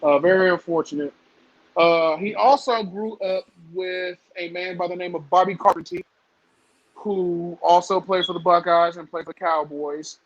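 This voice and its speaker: A man's voice: sits high, steady tone, normal speed, muffled recording. A man in his thirties from the southern United States, chatting loosely as a podcast guest with lots of fillers. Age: 30s. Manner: rambling, lots of fillers, laughs often. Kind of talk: casual podcast chat.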